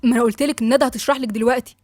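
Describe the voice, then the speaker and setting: A young man gently dodges questions in an Egyptian Arabic accent, as a woman reads him. The voice stays high and races along. The recording is dry. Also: steady tone, rapid-fire, no room sound, close to an everyday voice. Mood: evasive. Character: evasive young man, the heroine's partner.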